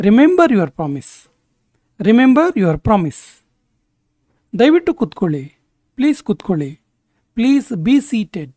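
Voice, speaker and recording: A man teaching spoken English, saying each short sentence twice in a slow, deliberate way. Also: high voice, a little mellow, dry recording, clean studio sound. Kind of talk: spoken language lesson.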